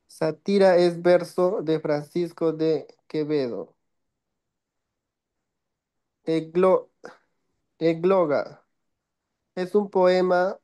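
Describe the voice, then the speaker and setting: Young male student, slow and mellow-toned, reads notes haltingly over his phone. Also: a little high. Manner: halting, stumbling, self-correcting. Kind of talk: reading notes aloud in class.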